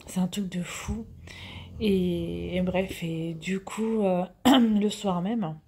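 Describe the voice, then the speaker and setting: A woman's voice: fairly low pitch, fairly even intonation, takes it slowly, dark tone, a little hiss or hum. A woman in her fifties telling a story to her viewers in a chatty way, full of fillers and restarts, sometimes dropping to a whisper. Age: 50s. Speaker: vlogger.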